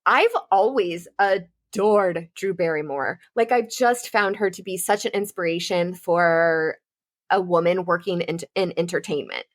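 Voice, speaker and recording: A woman's voice: lowish voice, measured pace. A woman co-hosting a pop culture podcast, talking in a casual, fired-up and profane way. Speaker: podcast co-host.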